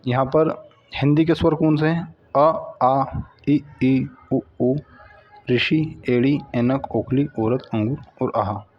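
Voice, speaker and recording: Slow, patient male Hindi teacher. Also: medium pitch, fairly even intonation, highs cut off, soft background music. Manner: slow, patient, repeats words and syllables. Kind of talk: slow children's Hindi spelling lesson.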